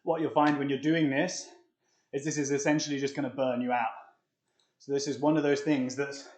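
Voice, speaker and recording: A man's voice: medium pitch, flat delivery, a little fast, darkish tone. A young man with an upbeat, chatty manner, coaching a live-streamed workout tutorial and out of breath between sets of push-ups. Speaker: fitness coach. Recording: echoey room.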